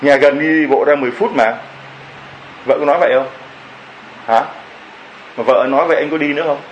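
A man's voice: fairly high pitch, a little fast, muffled recording, slight background noise. A man preaching a homily, telling a story and firing off rhetorical questions to the congregation.

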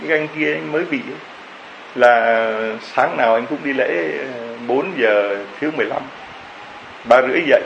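Lively priest preaching. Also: male voice, mid-range voice, normal speed, vocal fry, dull audio, slight background noise. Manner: lively storytelling with many rhetorical questions. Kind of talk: homily to a congregation.

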